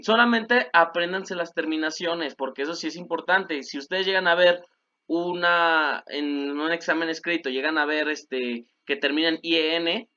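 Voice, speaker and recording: A man teaching French, patiently explaining and repeating word pairs slowly and clearly. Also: on the high side, bright, forceful tone. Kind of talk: explanatory language lesson. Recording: dull lo-fi recording.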